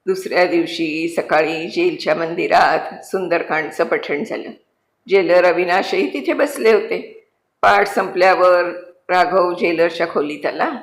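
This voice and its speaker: A woman storyteller narrating a dramatic story in a hushed, grave manner. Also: lowish voice, a little slow. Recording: roomy echo.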